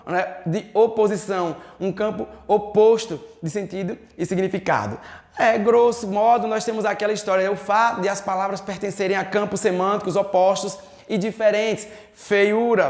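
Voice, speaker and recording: A Brazilian man teaching a recorded exam-prep lesson, who poses questions to himself and then answers them. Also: sits high. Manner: didactic, asks and answers his own questions. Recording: echoey room.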